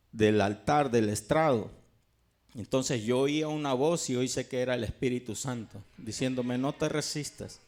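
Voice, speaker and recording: Fervent, gravelly man's testimony. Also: mid-range voice, a little mellow. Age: middle-aged. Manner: earnest, fervent, pauses and restarts. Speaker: church member giving testimony. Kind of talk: personal church testimony.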